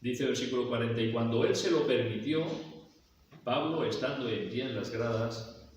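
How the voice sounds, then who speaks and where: A man preaching a sermon in a church, reading scripture aloud and explaining it with rhetorical questions. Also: fairly low pitch. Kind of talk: expository sermon. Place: church hall. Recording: echoey hall, mic far off, faint background noise.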